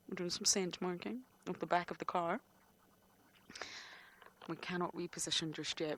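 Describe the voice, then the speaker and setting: A woman's voice: fairly low pitch, a bit bright. Female wildlife guide talking live from a safari vehicle, bit of outdoor ambience behind her. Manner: talks to animals and viewers. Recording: outdoor background noise.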